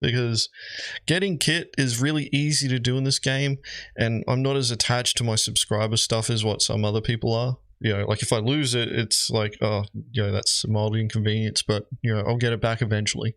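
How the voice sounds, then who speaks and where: A man's voice: medium pitch, little pitch movement, a little fast, fairly bright tone, dry recording. A man giving casual, rambling commentary as he reacts to gaming videos, with lots of fillers. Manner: rambling, frequent "you know" fillers.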